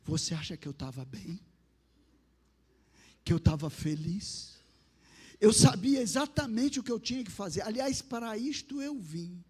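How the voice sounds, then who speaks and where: A man with a Brazilian accent voicing a calm, gentle divine male voice in a vision, speaking slowly and softly. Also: high-pitched, husky, heavily acted. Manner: slow, calm and soft.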